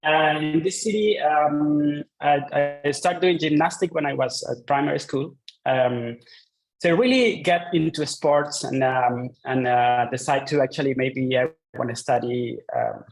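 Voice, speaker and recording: A man's voice: fairly high pitch, a little slow, soft background music, poor audio. A man in his thirties from Chile with a Chilean accent, a Spanish speaker talking in English as the guest of an interview, polite and hesitant with many fillers. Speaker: guest researcher. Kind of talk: casual interview chat.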